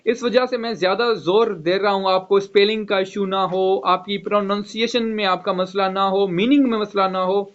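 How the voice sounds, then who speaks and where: A man's voice: high-pitched, fairly even intonation, normal speed, few pauses, fairly bright tone. A man teaching an online English vocabulary lesson, spelling each word letter by letter and saying "okay" again and again. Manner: spells words letter by letter, repeats "okay" often. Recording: dull lo-fi online class audio.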